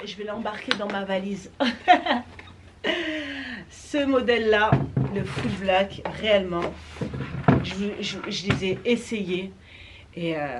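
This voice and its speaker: A woman's voice: medium pitch, noisy background. A young woman vlogger talking casually and enthusiastically about roller skates, with many fillers and restarts. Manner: chatty, filler-heavy, enthusiastic. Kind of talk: casual product talk to camera.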